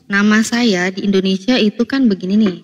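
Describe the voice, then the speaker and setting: A woman's voice: medium pitch, a little fast, lo-fi sound. A woman in a heated online debate, talking in an insistent, lecturing way and sounding exasperated, on a video call.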